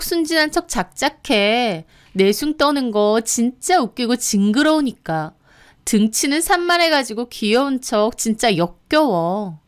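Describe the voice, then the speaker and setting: A woman's voice: on the high side, clear, resonant tone. A woman voicing a young sister-in-law who mocks and threatens with open contempt, in a radio drama. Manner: mocking, contemptuous, menacing.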